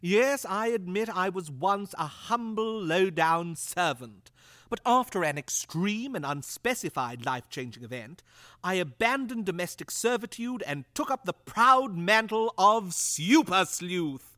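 A scheming, self-important cartoon amateur actor who talks in grand, showy speeches. His voice is high and bright, it swoops widely, and he draws his words out slowly. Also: expressive, dry recording, clean studio sound, exaggerated voice. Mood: grandiose.

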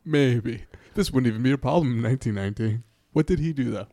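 A man's voice: mid-range voice, fast talker, mellow, no room sound, studio quality. A man co-hosting a casual talk show, laughing often and riffing with profanity. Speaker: podcast co-host. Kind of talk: casual chat.

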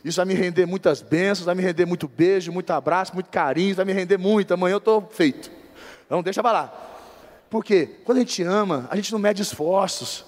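A man's voice: sits high, fairly quick, long reverb tail. A man preaching a sermon as a bishop, emphatic and repeating phrases for stress.

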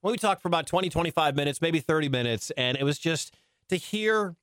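A man's voice: fairly high pitch, expressive, a little fast, a bit bright, no echo, studio quality. A man hosting a sports radio show, telling stories in a chatty, casual way and laughing often. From Detroit, grew up in Wisconsin. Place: radio studio.

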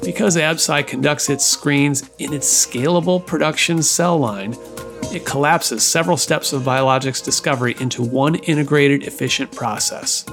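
A man hosting a podcast, reading sponsor spots and then chatting with his guest in a relaxed way. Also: on the high side, over music. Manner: brisk ad reading, relaxed chat with fillers. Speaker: podcast host. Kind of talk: read ads, then casual interview.

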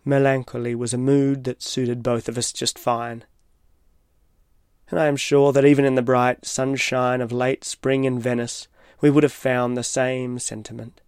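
A man reading his own reflective, literary personal essay as scripted narration, in a measured way. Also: mid-range voice, little pitch movement, clear, resonant tone, no echo, clean studio sound. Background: soft guitar music.

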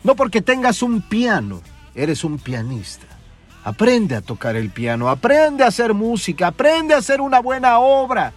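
A man's voice: high voice, sing-song, moderate pace, faint music behind. A man hosting a podcast, delivering a profane, scolding motivational rant and mocking his listeners. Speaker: podcast host. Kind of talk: ranting motivational monologue.

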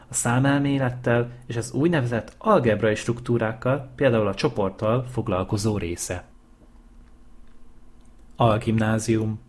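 A man reading dictionary entries aloud in a measured, list-like way. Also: lowish voice, a little mellow. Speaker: dictionary reader.

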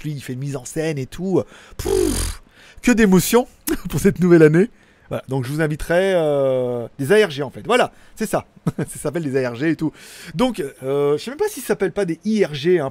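A man's voice: a little high, a little mellow, no room sound. A man from Lyon hosting a casual tech live stream, rambling through viewer comments with crude slang and lots of fillers. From Lyon, France. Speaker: tech channel host.

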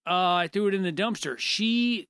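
A man co-hosting a casual chat, telling stories in an animated, self-deprecating way with frequent laughter. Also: sits high, moderate pace, smooth, dry recording, clean studio sound. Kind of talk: casual conversational storytelling.

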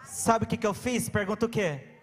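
High-voiced preacher booming through a hall. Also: male voice, fairly quick, a little hiss or hum. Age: 40s. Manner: animated storytelling, breaks into shouts. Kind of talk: sermon. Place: church. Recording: long church reverb.

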